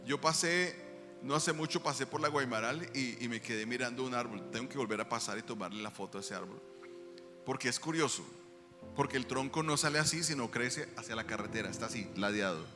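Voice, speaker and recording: A man preaching a sermon as pastor, animated and acting out quotes. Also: mid-range voice, a little fast, in a large hall, over music. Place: church.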